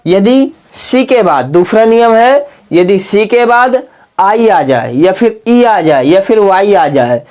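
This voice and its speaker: High-voiced man teaching in a slow, questioning style. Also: animated, a little mellow. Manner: asks questions, then answers them himself; slow, drawn-out spelling aloud. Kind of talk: casual video lesson.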